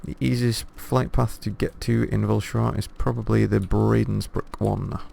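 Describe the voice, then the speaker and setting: A man giving casual commentary as he walks through a game quest in a guide video, explaining in a relaxed, chatty way. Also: fairly low pitch, a little slow, gravelly, a little hiss or hum.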